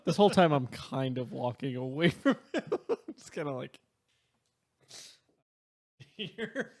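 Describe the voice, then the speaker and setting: A man's voice: on the high side, big pitch swings, a little slow. A man playing in a tabletop game, laid-back and joking, with swearing. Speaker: player. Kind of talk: casual tabletop play.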